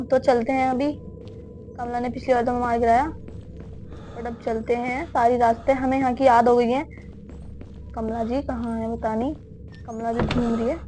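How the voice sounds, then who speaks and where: A woman's voice: high voice, noisy background. A young woman hosting a horror game let's-play, chatting casually to viewers and keeping up a stream of questions to a helper beside her. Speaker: gaming video host.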